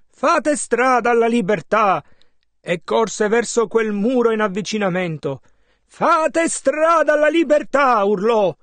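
A man interpreting a sermon, measured and following the preacher's emphasis. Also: sits high, dry recording.

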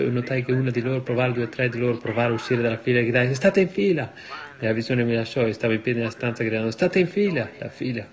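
Man, preacher, gravelly voice, fervent sermon, congregation audible behind. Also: mid-range voice.

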